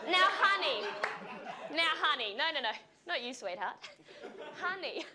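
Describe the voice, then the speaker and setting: A woman delivering a wry, animated comic monologue to a studio audience. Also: high-pitched, normal speed, heavy background noise. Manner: animated, wry, breaks into laughs. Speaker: comedy segment presenter. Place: television studio with live audience. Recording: live studio with audible audience.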